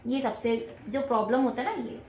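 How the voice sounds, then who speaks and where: A woman with a high but mellow voice runs a beginner's dholak lesson, explaining each step patiently and counting the beats aloud. She speaks in an echoey indoor room, with the drum playing now and then. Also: fairly quick, a little hiss or hum. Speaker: dholak teacher. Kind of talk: casual music lesson.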